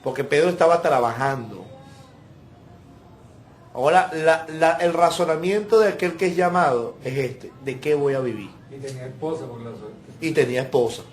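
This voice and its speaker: A man's voice: fairly high pitch, animated, normal speed, a little hiss or hum. A male pastor, preaching a sermon in an emphatic storytelling way and acting out the voices he quotes.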